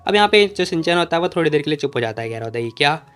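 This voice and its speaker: A male narrator recapping a comic in a loose, chatty style, often calling out to listeners as friends. He talks fast in a slightly high voice. Faint music runs behind him. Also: animated, a bit bright, clear, resonant tone. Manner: chatty, addresses listeners as "bhai".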